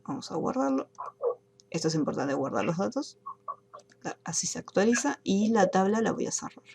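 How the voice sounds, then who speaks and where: A woman teaching an online class, explaining software steps patiently one by one. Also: medium pitch, big pitch swings, normal speed, creaky, slightly rough. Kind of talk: screen-recorded software tutorial.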